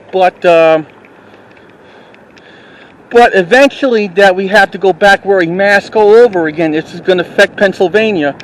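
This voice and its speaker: A man narrating a walking tour outdoors on a town street, rambling and halting with many restarts, recorded on a handheld camera as he walks. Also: high-pitched, poor audio. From New York City. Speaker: vlogger. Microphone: handheld camera while walking.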